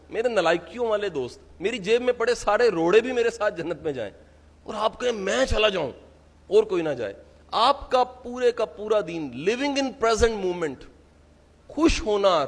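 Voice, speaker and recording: A man gives an impassioned religious lecture to a seated audience, asking many rhetorical questions. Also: high-pitched. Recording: long hall reverb.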